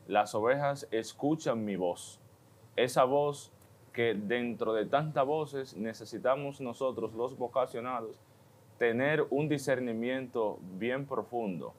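A man who speaks for those with a religious vocation on a TV panel. He explains the Gospel in a thoughtful, step-by-step way, often linking his points with "entonces.". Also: medium pitch.

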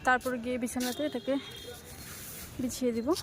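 A woman's voice: a little high, monotone, brisk. A young woman vlogger chatting casually to the camera as she walks viewers through her household chores. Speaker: lifestyle vlogger. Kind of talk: casual vlog narration to camera.

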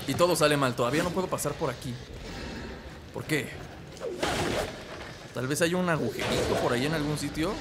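A playful young man with a Mexican accent talks through his gameplay, cracking jokes at the characters on screen. His voice sits a little high and swings widely in pitch. Loud game music plays under him. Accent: Mexican Spanish. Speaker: gaming commentator. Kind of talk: let's play commentary. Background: video game music and sounds.

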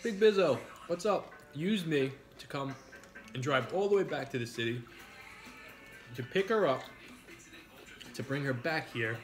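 A man's voice: a little high, animated, unhurried, pauses often, faint music behind. Crude joking man in his thirties. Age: 30s. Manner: crude, joking, reads viewer names aloud. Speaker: mukbang streamer. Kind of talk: casual live-stream chat while eating. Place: home kitchen at a dining table.

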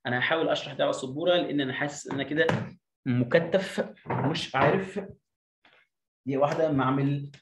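Man, Egyptian Arabic accent, English teacher, quick delivery, echoey room. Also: on the high side, background noise. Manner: drills pronunciations by repeating words slowly. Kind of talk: online English lesson. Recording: roomy echo.

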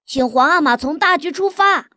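A woman's voice: high voice, animated, normal speed, sharp tone, no room sound, clean studio sound. A woman voicing a stubborn young male crown prince who stands up to his father, in an audiobook. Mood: firm. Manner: firm, defiant. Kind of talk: audiobook character voice.

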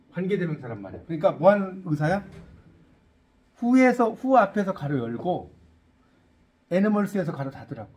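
High-voiced man giving a lively lecture. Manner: lively, asks students questions, jokes. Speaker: English teacher and author. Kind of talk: classroom-style lecture.

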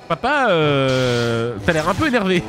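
A lively French streamer with a high male voice plays a video game, giving casual live commentary. He's animated and chatty, laughs often, and reacts loudly.

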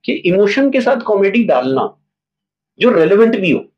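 A man's voice: sits high, moderate pace, dull audio. A man who writes and stages plays, talking casually in an interview and acting out little examples as he tells stories. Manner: animated storytelling, acts out examples. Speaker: playwright and theatre director.

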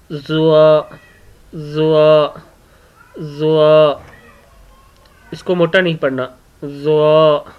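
A man teaching children to read sounds letter by letter, repeating each one several times and often clearing his throat. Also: a little high. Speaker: Quran reading teacher. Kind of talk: slow letter-by-letter lesson for children. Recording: dull lo-fi recording.

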